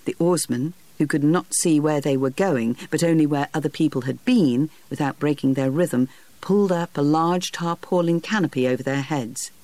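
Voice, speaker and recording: A man reads a story aloud in a measured, even storytelling voice. His pitch sits slightly higher than usual for a man, and the sound is dry and close, with no room around it. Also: no room sound. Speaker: narrator. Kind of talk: scripted audiobook narration.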